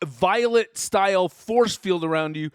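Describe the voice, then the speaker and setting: A man's voice: high voice, clean tone, no echo, studio quality. A drunk man hosting a podcast, stumbling over his words and repeating himself as he explains. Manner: halting, repeats himself, giggly. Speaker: podcast host. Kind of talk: casual chat.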